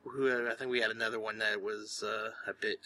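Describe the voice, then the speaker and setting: A man's voice: fairly low pitch, level tone, a little fast, sharp tone. A man co-hosting a casual podcast, rambling in long sentences with many fillers and self-corrections. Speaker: podcast co-host. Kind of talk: casual chat.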